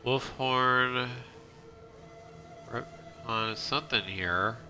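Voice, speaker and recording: A man's voice: mid-range voice, very slow, sharp tone, soft background music. A man streaming a game, chatting casually and rambling as he plays, often stopping and restarting his sentences. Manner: rambling, self-interrupting, chatty. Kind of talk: casual gameplay commentary.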